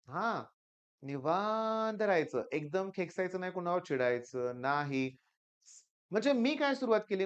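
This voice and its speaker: A tired Marathi-accented teacher in his forties talks earnestly and reassuringly to his students, his voice weaker than usual. His tone is smooth and resonant, and the recording sounds slightly dull and lo-fi. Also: fairly high pitch. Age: 40s. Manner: earnest, reassuring, repeats "okay?" often. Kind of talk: motivational talk to students.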